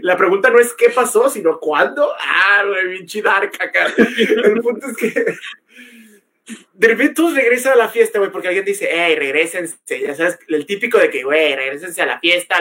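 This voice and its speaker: A man's voice: high voice, moderate pace, pushed and bright. A young man with a Mexican accent, co-hosting a podcast and telling a story in casual, slangy chat, acting out the quotes. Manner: slangy, peppers lines with "güey", acts out quotes. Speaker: podcast co-host.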